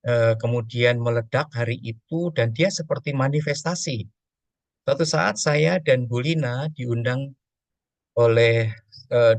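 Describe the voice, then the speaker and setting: Pastor, male, gravelly voice, dry close sound, storytelling teacher who acts out prayers. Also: mid-range voice, dry recording. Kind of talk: teaching session on emotions and prayer.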